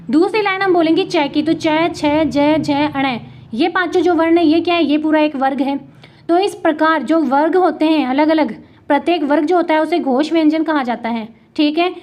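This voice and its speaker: A woman teaching Hindi grammar with a Rajasthani accent, asking and answering her own questions and spelling letters out one by one. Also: sits high. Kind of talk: classroom lesson.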